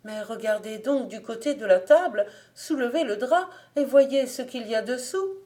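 A woman reading an audiobook voices a young servant girl whose speech goes from teasing to high, frantic pleading. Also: lively intonation, normal speed, mellow, natural voice. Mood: mock-tearful. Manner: high-strung, pleading, rising to frantic cries.

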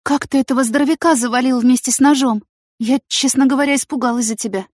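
A woman voicing an impulsive, excitable young heroine who talks emotionally and in rushes. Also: high-pitched, dry recording, clean studio sound, voice pushed up. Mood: delighted.

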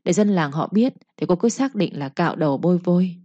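A woman voicing a sharp-tongued village mother who nags and lectures her daughter in a told story. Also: on the low side, animated, fairly quick, dry recording. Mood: nagging. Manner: nagging, lecturing with proverbs. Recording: dull lo-fi recording.

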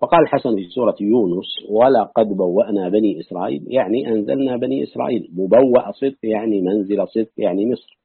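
A man reading aloud from a classical exegesis book in a measured way, pausing now and then to comment or correct a slip. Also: fairly low pitch, dry recording. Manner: measured recitation, pausing to note and correct slips. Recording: husky, dry, tinny phone-like audio.

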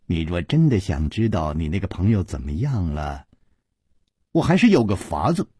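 A smug little servant boy, acted by a male storyteller teases and sneers, sliding between a low murmur and bright jabs. The husky voice is close and dry. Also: very animated, normal speed, dry recording, heavily acted. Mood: sly, teasing. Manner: teasing, smug, soft sneering asides. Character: sly, mocking boy servant.

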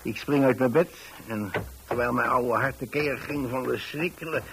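An actor plays a chatty, easily flustered retired pensioner who reminisces in a radio monologue, telling his story in a hesitant, rambling way and repeating words. His voice is medium-pitched and fairly bright, at a moderate pace, and the acting is light. It's a low-quality, hissy old radio recording.

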